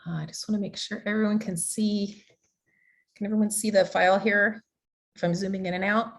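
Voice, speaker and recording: A woman running a live online art workshop, talking casually and loosely, full of ums and restarts as she walks through the steps. Her pitch sits in a middle range for a woman, and she is heard through a video call mic. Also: steady tone, a little fast. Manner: chatty, loose, with many fillers and restarts. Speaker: digital art instructor.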